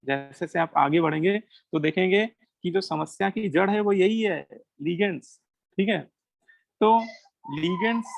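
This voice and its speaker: A man's voice: high voice, creaky, no echo, dull audio. Indian man teaching a chemistry lesson. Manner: asks questions and answers them himself, mixing Hindi and English. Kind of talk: classroom lecture. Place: classroom with students.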